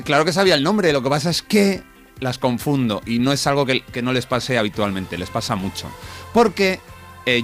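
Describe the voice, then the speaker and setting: A man, co-hosting a radio show in a studio and telling a story in lively, acted-out bursts. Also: mid-range voice. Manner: animated storyteller who acts out the voices in his story. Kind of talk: casual radio banter, telling an anecdote. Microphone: studio microphone.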